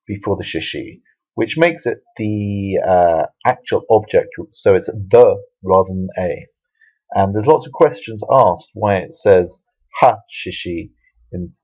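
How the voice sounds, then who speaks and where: A man's voice: on the low side, a little mellow, breathy edge, lo-fi sound. A man teaching Hebrew letters from a Bible verse in a video lesson, explaining patiently with fillers and restarts. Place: Jerusalem.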